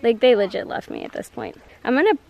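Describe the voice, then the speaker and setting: A woman's voice: on the high side, huge pitch swings, fast, gravelly, highs cut off, slight background noise. A young woman vlogging casually outdoors on a handheld camera, chatty, laughing often and a bit out of breath from walking. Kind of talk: casual vlog narration. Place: outdoors on a rural hillside and dirt road.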